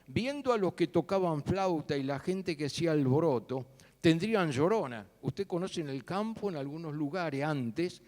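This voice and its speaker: A man preaching a sermon, telling the story with sudden loud and soft turns. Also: on the high side, animated, moderate pace. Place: church sanctuary. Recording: long church hall reverb.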